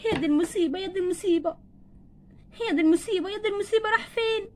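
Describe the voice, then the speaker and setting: A woman with an Egyptian accent voicing a fond, calm mother who reassures her grown daughter in a doll play story. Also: very high-pitched, very fast, slight background noise. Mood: soothing. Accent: Egyptian Arabic. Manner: reassuring, affectionate.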